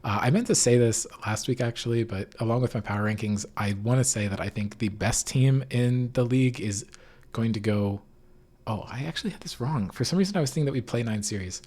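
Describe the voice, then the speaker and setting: A man's voice: mid-range voice, fairly quick, darkish tone. A man hosting a casual esports recap in an informal, hedging way, his voice echoing in an unfurnished room. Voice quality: echoey, reverberant room sound. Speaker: podcast host. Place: echoey unfurnished room at home.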